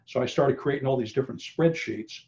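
A man's voice: mid-range voice, brisk, darkish tone. A middle-aged man giving a casual online presentation, with many fillers and restarts, speaking over a video call. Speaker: genealogy presenter. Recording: slightly dull video call audio.

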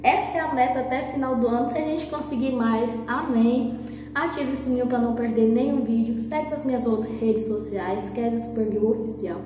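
Speaking softly in a low voice yet briskly, a thirty-something vlogger addresses her phone camera at arm's length in a small tiled bathroom. Her voice is hoarse and nasal from a sore throat. The bathroom makes it muffled and echoey, and there is a little hiss or hum.

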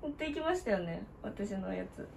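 A woman's voice: mid-range voice, expressive, normal speed, gravelly, a little mellow, far from the mic, a little hiss or hum. A woman who has just woken up, chatting casually and giggly in a small room. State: just woke up. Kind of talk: casual chat, prank reveal.

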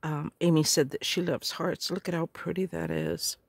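A middle-aged woman, a little hoarse, chatting casually and gushing as she opens craft supplies. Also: low voice, fairly even intonation, dry recording, studio quality. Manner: gushing, slow and murmuring. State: hoarse, clearing her throat. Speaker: craft vlogger. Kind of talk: casual unboxing chat.

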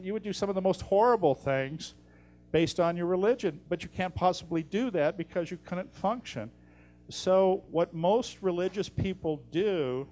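A middle-aged man, a guest speaker answering audience questions, blunt and animated with jokey asides. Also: high voice. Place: lecture room in a library. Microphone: handheld mic.

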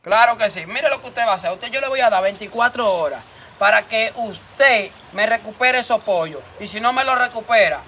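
A man's voice: high voice, moderate pace, background noise. A man playing a firm, lecturing farm boss in an amateur short-film drama. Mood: stern. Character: stern farm boss and friendly neighbor.

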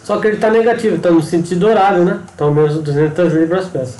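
A man's voice: high voice, steady tone, fast, mellow, reverberant, low-quality recording. A man with a Brazilian Portuguese accent, working through a worked engineering problem on screen and checking in often with the listener. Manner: explanatory, frequent tag questions and pointing words. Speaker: engineering instructor. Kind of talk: screen-recorded tutorial walkthrough.

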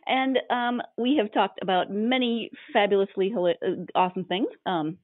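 A woman's voice: mid-range voice, moderate pace, no echo. A woman hosting a podcast interview, laughing along and asking short closing questions. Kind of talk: casual interview chat. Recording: tinny phone-like sound.

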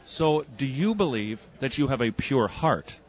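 A man debating religion on the street as an evangelist and radio host, pressing with quick probing questions. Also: medium pitch, animated, lo-fi sound. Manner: probing, rapid-fire questioning. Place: outdoors on a city street.

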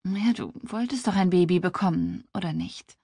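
A woman reading an audiobook, voicing a calm, pragmatic female friend who speaks in a soothing, gentle way. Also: fairly low pitch, normal speed, breathy edge, dry recording, studio quality, heavily acted.

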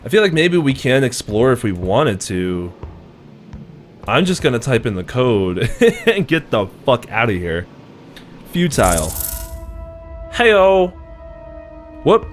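A young man giving profane, excitable let's-play commentary, self-mocking and jumpy at scares. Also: mid-range voice, moderate pace, pauses often, faint music behind. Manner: excitable and profane, yelping in sudden alarm. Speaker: gaming video host.

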